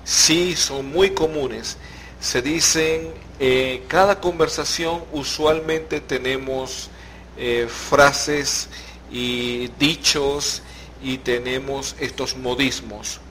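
A Venezuelan man talks through a podcast in an unhurried, patient way. He lays out meanings step by step with examples and laughs easily. A faint noise sits under the recording. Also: medium pitch, steady tone, a bit bright. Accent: Venezuelan Spanish. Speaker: podcast host. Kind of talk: slow explanatory podcast chat.

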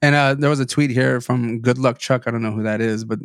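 Young male podcast host, stuffy-nosed, rambling, mid-pitched, dry mic. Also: fairly even intonation, brisk, no room sound. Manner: rambling with fillers and restarts. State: stuffy sinuses. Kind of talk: casual chat, reading news aloud.

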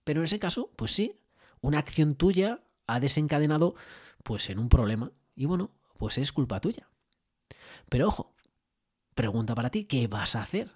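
At a moderate pace, a husky, slightly high-voiced man with a Spain Spanish accent gives motivational business coaching. He leans on rhetorical questions and tag questions and tells stories animatedly, acting out the dialogue.

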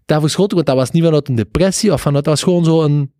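A man's voice: fairly high pitch, racing, warm tone, no echo, clean studio sound. A Flemish man in his thirties, co-hosting a podcast and telling a personal story in casual chat with hesitant restarts. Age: 30s. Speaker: podcast co-host. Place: studio.

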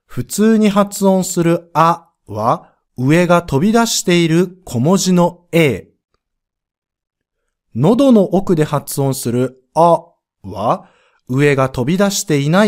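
A man's voice: a little high, animated, slow pace, a little mellow. A man teaching a pronunciation lesson on a podcast, explaining step by step and sounding out letters and vowels to demonstrate them.

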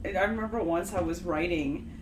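A Canadian woman chatting on a podcast, telling a lively story and laughing often. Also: lowish voice, normal speed, echoey room, a little hiss or hum. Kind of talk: casual podcast chat.

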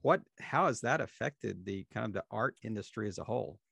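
A man hosting a podcast interview, talking casually and haltingly, often repeating words. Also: lowish voice, expressive, vocal fry, fairly bright tone, slightly rough, no room sound. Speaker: podcast host.

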